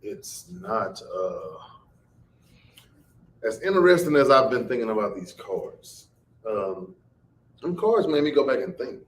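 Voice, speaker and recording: A man's voice: fairly low pitch, very animated, slow pace, pauses often, distant mic. A man co-hosting a podcast, chatting casually, laughing and repeating himself. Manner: laid-back, laughs often, repeats himself. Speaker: podcast co-host. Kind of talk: casual chat. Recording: roomy echo, off-mic, faint hiss.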